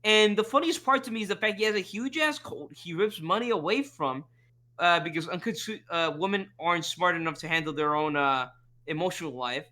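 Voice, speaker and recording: A podcast co-host rambling in casual chat, profane, with many fillers and restarts. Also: male voice, high voice, brisk, pushed and bright.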